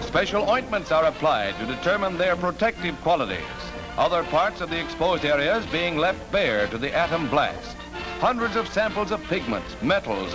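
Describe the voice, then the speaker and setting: Male 1940s newsreel announcer, emphatic and animated, old newsreel soundtrack over loud music. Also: a little high, rough recording. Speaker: newsreel narrator.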